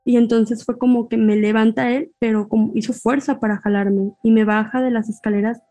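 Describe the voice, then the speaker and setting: A woman's voice: fairly high pitch, a little fast, no echo, soft background music, poor audio. A woman with a Mexican accent, a podcast guest telling a personal story in casual chat and acting out her family's words. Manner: animated, acts out family dialogue.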